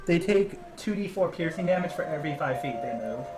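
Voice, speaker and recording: Male tabletop player, slightly high voice, casual rules talk, roomy echo. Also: expressive, brisk, over music. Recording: echoey room, some background noise.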